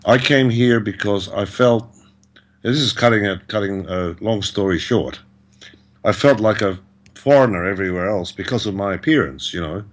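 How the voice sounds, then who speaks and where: A man's voice: on the low side, moderate pace. A man, a guest artist speaking over a video call, reflective and hesitant with frequent fillers. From Australia. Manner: reflective, hesitant, many "you know" fillers. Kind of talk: conversational interview answer. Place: indoors in Beijing.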